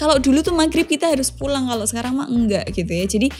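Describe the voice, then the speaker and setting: A woman's voice: high voice, expressive, very fast, a little mellow. A woman in her twenties from Indonesia, hosting a casual storytelling monologue and chatting in a confiding way, often checking in with her listeners. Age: 20s. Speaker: podcast host.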